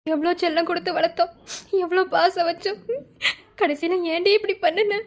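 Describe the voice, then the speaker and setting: Cartoon drama: woman as anguished mother, high voice, weeping lament. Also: steady tone, brisk. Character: anguished middle-aged mother.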